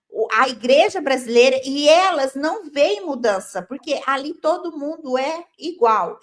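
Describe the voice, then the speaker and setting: A woman's voice: a little high, a bit bright. A Brazilian woman co-hosting a casual talk show, giving her opinions in a chatty way and asking rhetorical questions. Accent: Brazilian Portuguese. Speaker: co-host.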